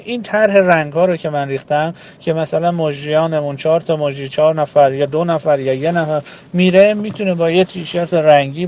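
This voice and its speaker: A man giving an earnest religious talk to a group, speaking in rhythmic lists with frequent pauses. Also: on the high side, warm tone.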